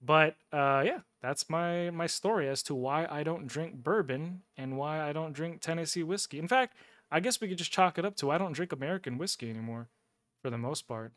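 A man's voice: on the high side, brisk, a bit bright, no echo, studio quality. A man telling a loose, profane story on a casual gaming livestream, chuckling and sipping a drink as he goes. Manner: sips a drink between lines. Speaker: gaming streamer.

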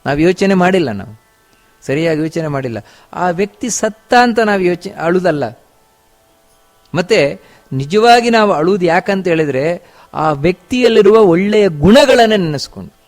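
A man's voice: high-pitched, expressive. A man giving a religious discourse on scripture, repeating phrases and asking rhetorical questions. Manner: chants verses slowly in song. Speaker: spiritual teacher.

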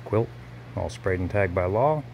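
A man's voice: sits low, animated, vocal fry, darkish tone, slight background noise. A man previewing auction lots in a gallery warehouse, listing items one by one in short bursts while filming on a phone. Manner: brisk item-by-item listing. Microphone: handheld phone camera.

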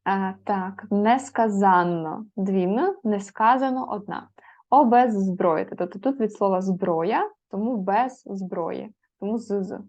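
A woman teacher explaining spelling rules to students, patient and methodical, pausing on fillers and spelling out letters. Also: mid-range voice, mellow. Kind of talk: spoken grammar lesson. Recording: slightly dull lo-fi audio.

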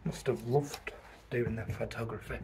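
A man quietly naming objects as he walks through an abandoned house, in casual commentary. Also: mid-range voice, steady tone, moderate pace. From England. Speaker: urban explorer. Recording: noisy camera audio with ambience.

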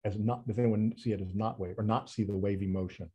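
A man with a husky, mellow voice talks through a presentation over a video call. His delivery is chatty and self-deprecating, full of restarts and little fillers as he thinks aloud. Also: fairly low pitch, fairly even intonation, fast talker, dull audio. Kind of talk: casual online talk presentation.

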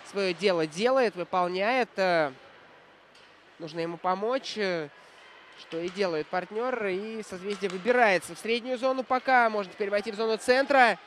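A man commentating live on ice hockey, reflective and analytical, often pausing mid-sentence to find his words. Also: high voice, a bit bright, slight background noise.

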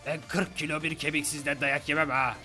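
A man's voice: fairly high pitch, level tone, brisk, sharp tone. A man voicing a tough, gun-toting male skeleton in a game video, talking in a threatening, boastful way. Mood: menacing. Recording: game video with music behind.

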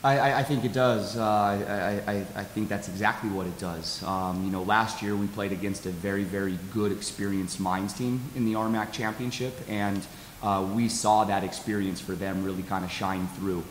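Echoey American coach in a post-game interview. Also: male voice, fairly low pitch, fairly even intonation, normal speed. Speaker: college soccer head coach. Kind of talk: post-game interview answers at a press table. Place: press conference table with backdrop. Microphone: table stand microphone. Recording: echoey hall, audible hiss.

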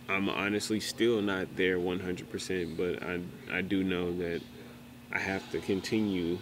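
A young man vlogging on a road trip, talking softly and haltingly with many fillers into a handheld camera at arm's length. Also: low voice, background noise. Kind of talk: casual travel vlog.

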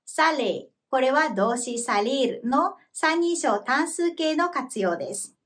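A woman presenting a scripted language lesson, speaking clearly and carefully and slowing down to model pronunciation. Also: high voice, animated, fairly bright tone. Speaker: language teacher.

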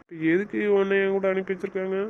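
A man's voice: sits high, completely flat delivery, fast, narrow, tinny audio, slight background noise. A man playing a teasing, bossy young husband in an audio romance series, scolding his wife in playful banter.

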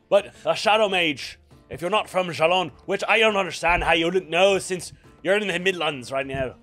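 A man's voice: sits high, normal speed, fairly bright tone, voice pushed up. A man voicing a blunt, bantering tavern keeper with hearty fantasy talk in a tabletop role-play. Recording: music playing behind the voice.

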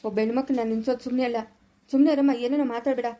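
A woman's voice: high-pitched, steady tone, very fast, dark tone, lightly acted. A woman playing a worried father who consoles his wife and scolds his daughter in an amateur family drama. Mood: stern.

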